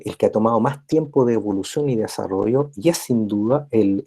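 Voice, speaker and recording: Man, university lecturer, explanatory, rephrases often, frequent tag questions, mellow tone. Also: medium pitch, slightly rough. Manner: constant tag checks with listeners; explanatory, repeats and rephrases points. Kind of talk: recorded lecture.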